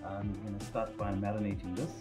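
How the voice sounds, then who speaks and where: A middle-aged man with a Durban Indian South African accent, casually hosting a cooking demonstration with relaxed step-by-step instructions. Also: on the low side, a little fast, over loud music. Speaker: cooking show host. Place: home kitchen, indoors.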